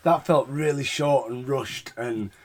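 A man's voice: mid-range voice, a little slow, darkish tone. A British man hosting a casual, sweary podcast recap of wrestling in an informal way. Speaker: podcast host reviewing wrestling shows.

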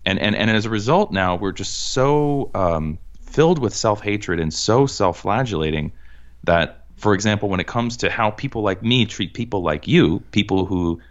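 Male host, deep voice, earnest talker who restarts phrases, muffled recording. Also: lively intonation, moderate pace. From Cambridge, Massachusetts. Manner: earnest, many restarts, emphatic. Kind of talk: casual conversational interview. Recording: dull lo-fi sound.

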